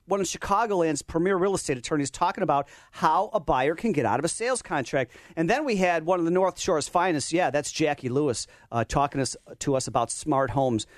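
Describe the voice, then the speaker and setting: Guy hosting radio, chatty n gushing, kinda higher voice, dry studio mic. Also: dry recording. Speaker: radio show host. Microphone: close studio microphone.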